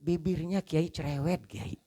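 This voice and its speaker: A man voicing a timid henpecked husband who pleads quietly and politely with a cleric. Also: on the high side, lively intonation, measured pace, vocal fry, exaggerated voice. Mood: pleading.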